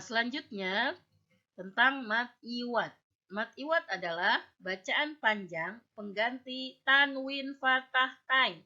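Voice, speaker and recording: A woman teacher giving a patient lesson on recitation, slowly drawing out example words and checking in with her students. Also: a little high, pushed and bright. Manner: checks understanding with "ya" and "oke". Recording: dull lo-fi recording.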